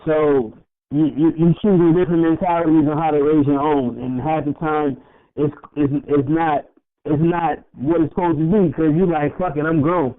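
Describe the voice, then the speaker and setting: A man's voice: on the high side, steady tone, moderate pace. A young man co-hosting a podcast in casual chat, rambling, swearing and laughing often as he talks. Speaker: podcast co-host. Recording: tinny phone-like audio.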